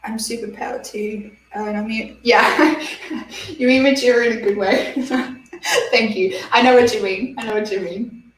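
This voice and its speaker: A woman in her 20s hosts a beauty livestream, chatting casually and reading out viewer comments with giggles. Her voice is fairly high and measured in pace. The roomy, slightly distant recording carries a faint hiss or hum.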